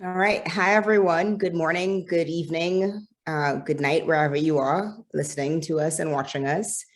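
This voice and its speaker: A Trinidadian woman with a low, steady voice introduces herself on a panel over a video call. She speaks at a moderate pace with a Trinidadian accent, sounding chatty and self-assured.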